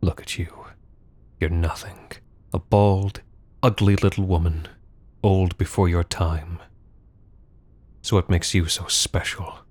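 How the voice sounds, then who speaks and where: A man voicing a commanding woman in her sixties who speaks in a soft, murmured, quietly menacing way. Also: fairly low pitch, normal speed, no echo, natural voice. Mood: contemptuous. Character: commanding sixty-something woman, cold and manipulative.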